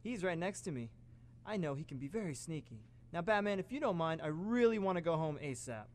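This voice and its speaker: A man's voice: on the high side, lively intonation, brisk, long reverb tail, natural voice. A man playing a cocky, wisecracking young superhero in an amateur radio play, chatty and sarcastic. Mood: cocky, teasing.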